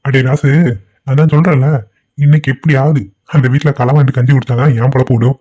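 A gruff, boastful cartoon village thief and father, voiced by a man. He scolds and brags in an everyday middle pitch. The dull, lo-fi audio takes the shine off his voice. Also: flat delivery, fast, mellow, close to an everyday voice. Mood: scheming. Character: scheming middle-aged male village thief, greedy father.

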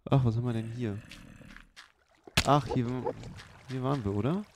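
A man hosting a let's play, giving unhurried, chatty running commentary with many fillers. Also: medium pitch. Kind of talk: casual gameplay commentary. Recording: clear background hiss.

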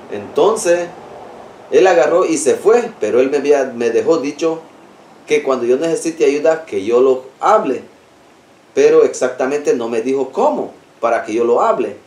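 A man recounts a personal story in a simple, repetitive way, stringing events together step by step. His voice sits a little high for a man. It sounds roomy and distant, as if he is some way from the mic. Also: a little mellow, a little hiss or hum. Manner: plain, repetitive telling, links events with "entonces". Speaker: interviewee recounting a personal experience. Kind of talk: conversational storytelling.

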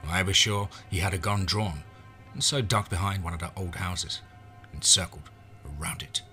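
A man's voice: low-pitched, normal speed, pushed and bright, faint music behind. A man narrating a scripted horror western in the first person, as a storyteller.

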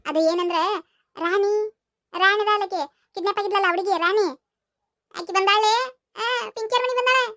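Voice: fairly even intonation, bright, forceful tone, dry recording, studio quality. A voice actor playing a chatty, teasing village boy in a cartoon, speaking with a North Karnataka Kannada accent. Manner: high, rapid, teasing. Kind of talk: cartoon voice acting.

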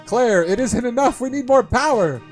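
A young girl's voice in an urgent, high falsetto, pressing the others to hurry, as a man puts it on. The pitch jumps well above his normal talk. Faint music plays under it. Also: lively intonation, moderate pace. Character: frightened little girl hero, urgent.

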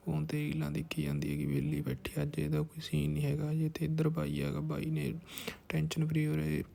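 Guy rambling on about a shoot, super gravelly, flat monotone. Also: fairly high pitch, a little hiss or hum. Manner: rambling storyteller, often whispers asides. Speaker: vlogger narrating a behind-the-scenes shoot. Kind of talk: casual chatty narration. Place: village house on a film shoot.

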